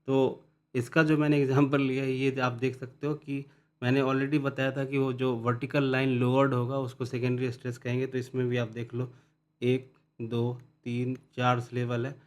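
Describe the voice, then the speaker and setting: A man teaching a lesson on English word stress, explaining step by step. He switches into English terms as he goes and slows right down to read each definition aloud with care, in a plain voice pitched in the middle range. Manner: slow, careful reading of English definitions; mixes Hindi with English terms.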